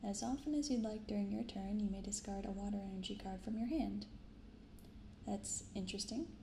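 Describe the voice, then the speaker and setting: A young adult woman with a mid-range voice hosts a casual card-opening show-and-tell on YouTube, reading aloud and chatting in a hushed, unhurried ASMR style. A close binaural mic captures her, though the recording sounds roomy with clear background noise.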